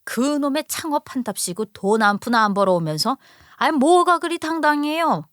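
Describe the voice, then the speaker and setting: A woman voicing a harsh, insulting older mother-in-law who shouts and scolds, in a storybook radio reading. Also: high voice, very animated, normal speed, dry recording, studio quality, voice pushed up. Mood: furious.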